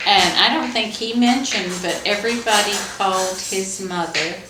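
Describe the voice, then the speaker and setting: A woman's voice: medium pitch, moderate pace. An older woman, a grandmother, telling family stories in a chatty, emotional way during a casual chat at home. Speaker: grandmother being interviewed. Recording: roomy home recording with loud noise.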